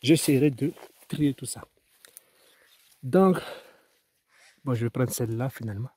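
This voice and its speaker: A man's voice: mid-range voice, steady tone, fast, dark tone, husky, dry recording. A man with a Mahoran French accent, a farmer talking casually outdoors about his crops, hesitant and rambling with many restarts. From Mayotte. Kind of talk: casual farm vlog.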